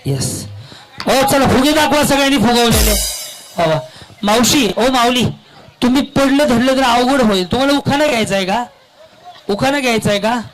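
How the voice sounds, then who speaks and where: A man's voice: extremely high pitch, moderate pace, low-quality recording. A man hosting a balloon game at a public event, teasing the crowd and repeating instructions. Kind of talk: lively crowd emcee patter. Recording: music loud behind PA voice.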